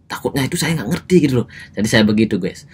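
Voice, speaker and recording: A man from Bali giving casual, animated advice to his viewers in a vlog. He keeps calling them "guys" and his voice jumps up high to stress a point. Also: racing, breathy edge. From Bali, Indonesia. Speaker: vlogger giving advice on speaking English. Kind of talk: casual advice talk to camera.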